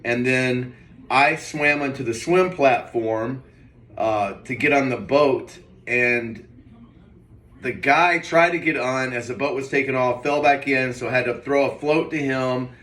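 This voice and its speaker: A man recounts a dream in a hazy, puzzled manner, rambling casually and hesitantly. His medium-pitched voice sits away from the microphone, with the room's echo clearly around it. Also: a little slow, a bit bright. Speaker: vlogger. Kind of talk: casual, rambling first-person storytelling. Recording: roomy echo, distant mic.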